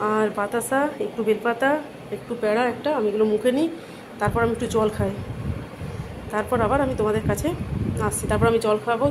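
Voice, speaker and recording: A woman in her thirties with a Bengali accent, chatting softly to viewers in a home vlog, her throat dry. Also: a little high, heavy background noise. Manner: talks softly and slowly to save a dry throat. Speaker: vlogger. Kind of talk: casual vlog chat to viewers.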